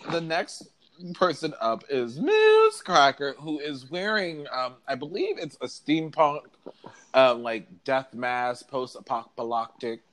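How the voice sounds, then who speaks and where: A man chatting as co-host of a fashion review in a sassy, campy drag-queen style, animated and giggly. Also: a little high, slow pace. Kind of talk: casual chat, commentary.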